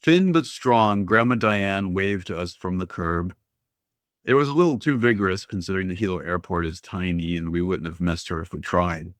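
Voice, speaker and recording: A man reading a first-person story aloud in a steady, even manner. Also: deep voice, normal speed, no echo. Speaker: audiobook reader. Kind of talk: scripted first-person narration.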